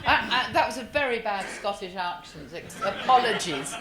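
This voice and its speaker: A woman's voice: mid-range voice, moderate pace, over music, crowd noise. An older woman telling chatty, laughing anecdotes as a panelist at a fan convention. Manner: chatty, laughing, lively storyteller. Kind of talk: casual anecdotes on stage. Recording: echoey hall, faint ambience.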